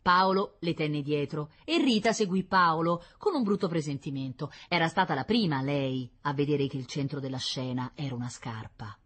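A woman narrating a story aloud in a lively, animated storytelling manner. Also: low-pitched, moderate pace, few pauses, husky. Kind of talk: expressive storybook reading.

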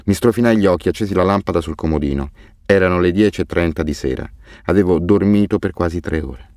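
A man narrating a novel in the first person, measured and somber. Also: low-pitched, darkish tone, no room sound, studio quality. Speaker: audiobook narrator.

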